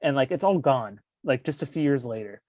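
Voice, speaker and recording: A man's voice: mid-range voice, expressive, a little fast, mellow, no echo. Chatty podcast man full of fillers. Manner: filler-heavy, says "like" constantly. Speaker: podcast co-host. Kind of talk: casual movie discussion.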